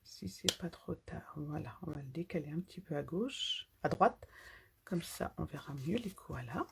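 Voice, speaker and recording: Gravelly-voiced woman demonstrating papercraft live. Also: low-pitched, moderate pace, slight background noise. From France. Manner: chatty, talks while working with hands. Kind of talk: live craft tutorial.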